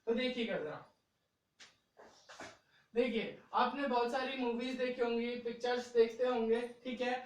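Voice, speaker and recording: A man's voice: very high-pitched, unhurried, pauses often, far from the mic. Male teacher in a very echoey room. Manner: patient, repetitive, ends phrases with "okay" and "brother". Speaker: English teacher. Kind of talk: classroom-style video lesson.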